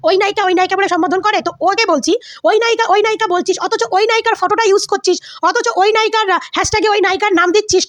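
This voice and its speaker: A woman's voice: extremely high pitch, a bit bright, dry recording, studio quality. A woman vlogger giving heated celebrity gossip commentary, scolding and insulting with lots of repetition.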